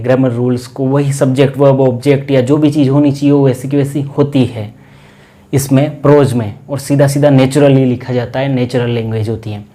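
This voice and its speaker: A man with an Indian accent teaching an English class, explaining each point carefully and repeating key words as he reads the English slowly. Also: medium pitch, warm tone. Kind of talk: classroom lecture.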